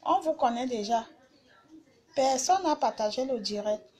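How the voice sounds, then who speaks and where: A woman's voice: fairly high pitch, expressive, a little slow, a little mellow. A woman hosting a live stream, talking casually and bluntly, repeating herself as she insults her critics.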